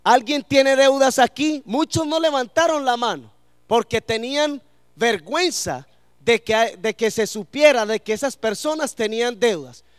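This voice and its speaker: A man's voice: extremely high pitch, measured pace, clean tone, no room sound, clean studio sound. A man preaching a sermon to a congregation in church, asking them questions and letting them answer.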